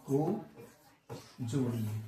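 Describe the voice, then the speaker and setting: A man's voice: mid-range voice, steady tone, very slow, mellow, a little hiss or hum. A man teaching a math lesson to a class in a folksy manner. He asks questions and answers them himself. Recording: echoey room, mic far off.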